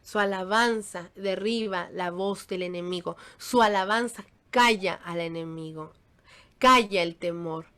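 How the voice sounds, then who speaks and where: A woman's voice: mid-range voice, unhurried, a bit bright, clean tone. Woman teaching the Bible, chatty. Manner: conversational, many fillers and restarts.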